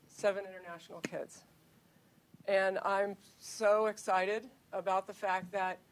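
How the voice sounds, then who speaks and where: A woman coach speaks at a team event. She rambles and restarts her sentences, with plenty of ums and uhs along the way. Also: medium pitch. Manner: rambling, with many fillers and restarts. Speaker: cross country coach.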